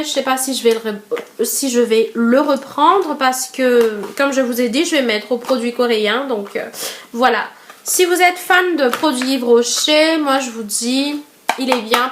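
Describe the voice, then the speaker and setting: A young woman from Madagascar with a high voice chats through a casual beauty review vlog. She fills the gaps with hesitations, restarts her sentences and talks straight to her viewers as girls. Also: a bit bright, slight background noise. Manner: chatty, many fillers and restarts, addresses viewers as girls. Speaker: beauty vlogger.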